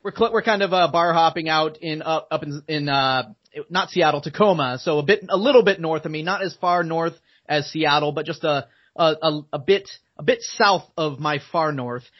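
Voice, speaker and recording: Man, high voice, rambling storyteller, muffled lo-fi audio. Casual podcast co-host. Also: normal speed. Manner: rambling, many restarts and laughs.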